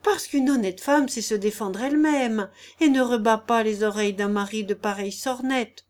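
A coy, flustered noblewoman from a storybook, piling up breathless, insistent questions, as a woman reader plays her. Her voice rises high and bright. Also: moderate pace, natural voice.

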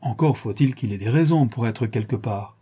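A man voicing a sardonic male police chief who mocks his inspector, in a husky, mellow voice. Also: mid-range voice, moderate pace. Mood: mocking. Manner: teasing, scoffing.

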